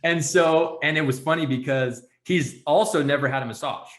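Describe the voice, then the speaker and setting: A man hosting a podcast, telling stories in a lively, casual way, full of "like" and "you know". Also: a little high, normal speed, roomy sound. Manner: animated storyteller, peppered with "like" and "you know". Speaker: podcast host. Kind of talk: casual conversational storytelling.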